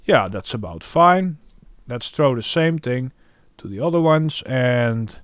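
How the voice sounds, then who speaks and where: A man hosts a casual, screen-recorded music production tutorial, thinking aloud as he works. His medium-pitched voice is animated yet slow. The recording is dry and of studio quality.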